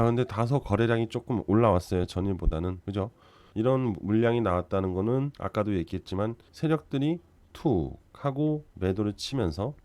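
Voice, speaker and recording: Male crypto channel host, lively swooping delivery, dry close sound, blunt and emphatic, answers his own questions. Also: fairly low pitch, dry recording. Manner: blunt, scolds headlines, reassures holders. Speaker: crypto investment YouTuber. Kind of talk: market commentary to viewers.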